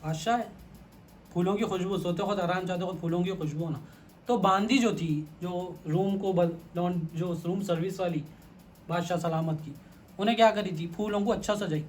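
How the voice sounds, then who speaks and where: A high-voiced man delivers a religious lecture as a story. He speaks colloquially and repeats his phrases. Faint background hiss sits under his voice.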